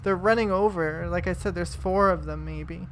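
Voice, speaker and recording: A woman's voice: lowish voice, steady tone, normal speed, slight background noise. A woman narrating as game master in a casual, hesitant way full of fillers.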